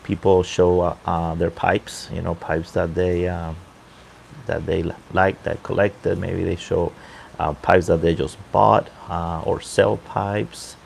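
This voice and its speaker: A man talking casually off the cuff on a livestream, halting and unhurried, keeping his voice down outdoors on a balcony. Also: low voice, level tone, vocal fry, a little mellow. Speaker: livestream host and pipe hobbyist. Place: outdoor balcony at night near a pool. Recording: faint water noise in background.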